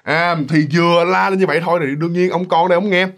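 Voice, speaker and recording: Man, southern vietnamese accent, high voice, casual animated ghost storytelling. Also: fast. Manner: animated, repetitive, addresses listeners directly.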